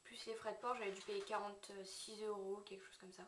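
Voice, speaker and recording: A woman's voice: medium pitch, level tone, a little fast, background noise. Chatty woman vlogging in an echoey room. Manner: chatty, hesitant, with frequent fillers and self-corrections. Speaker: beauty vlogger. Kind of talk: casual product review to camera. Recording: echoey room, mic set at a distance.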